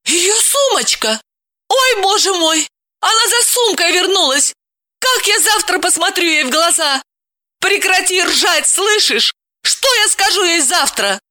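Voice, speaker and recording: Role: frantic shrill wife, voiced by a woman, very high and bright, swinging wildly in pitch. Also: lively intonation, measured pace, no echo, studio quality, exaggerated voice. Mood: panicked. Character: flustered, furious young wife.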